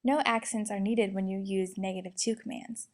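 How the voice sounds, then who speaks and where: A young woman slowly and carefully reading out a lesson, explaining grammar and its examples. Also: medium pitch, fairly even intonation. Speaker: student presenter. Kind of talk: instructional narration.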